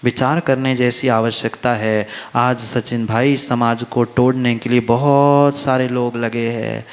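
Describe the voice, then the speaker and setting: A man's voice: medium pitch, level tone, measured pace. Man preaching to a festival gathering, insistent and repetitive, big echoing hall. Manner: emphatic, repeats phrases, asks the crowd questions. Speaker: Jain monk preacher. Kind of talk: sermon. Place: large hall at a religious festival. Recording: long reverb of a large hall.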